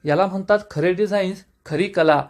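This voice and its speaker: A man's voice: sits high, moderate pace, lightly acted. A man reading the lines of a young husband who teases his wife, in his own plain voice. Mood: teasing. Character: young husband, boastful and teasing.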